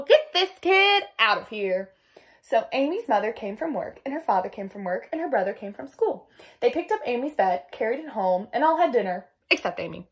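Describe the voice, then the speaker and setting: With a medium-pitched, breathy voice, a young woman reads aloud from a children's picture book at home in a small room. Her delivery is expressive and emphatic, sprinkled with chatty asides.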